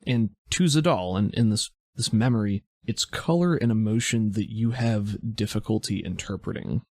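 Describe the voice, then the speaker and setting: A man narrating as game master of a tabletop role-playing game, measured and descriptive with frequent fillers. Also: on the low side, darkish tone, no echo, studio quality.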